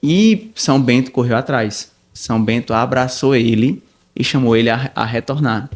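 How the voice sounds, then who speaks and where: A man, a podcast guest telling a story in an animated, rambling way, with many restarts and quoted dialogue. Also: mid-range voice, normal speed. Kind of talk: casual storytelling.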